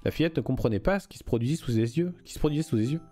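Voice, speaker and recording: A man's voice: mid-range voice, lively intonation, very fast, dark tone, faint music behind. A young man streaming a game live, reading the story aloud and chatting loosely with viewers, swearing freely.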